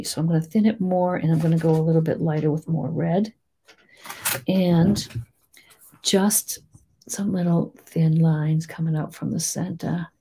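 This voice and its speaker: A woman with a Boston accent giving a chatty, rambling step-by-step painting tutorial, full of gentle little asides. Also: on the low side, slightly rough. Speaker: painting teacher.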